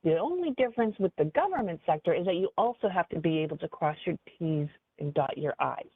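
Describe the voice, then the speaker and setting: A woman business advisor giving a webinar training in an animated, conversational way, with frequent fillers. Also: mid-range voice, no room sound. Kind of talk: webinar presentation. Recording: tinny phone-like dry audio.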